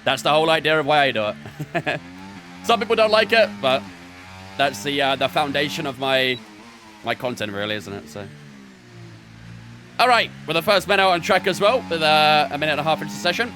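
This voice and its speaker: A man's voice: on the high side, lively intonation, fairly quick, long pauses, sharp tone, soft background music. A young man streaming a racing game from his bedroom, chatting with viewers between laps. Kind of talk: casual live-stream chat while racing.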